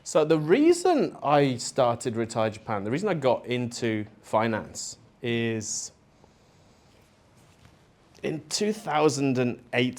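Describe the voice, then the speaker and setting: A man in his forties from Spain presents a talk at a conference venue with an easygoing, conversational delivery. His pitch sits neither high nor low, and he keeps things casual and chatty, leaning on fillers and friendly asides.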